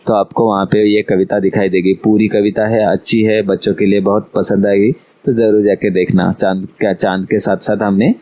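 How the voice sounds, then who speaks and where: A man's voice: fairly low pitch, little pitch movement, normal speed, hardly any pauses, warm tone. A male teacher, giving an online school lesson to children, patiently repeating words and quizzing his young pupils.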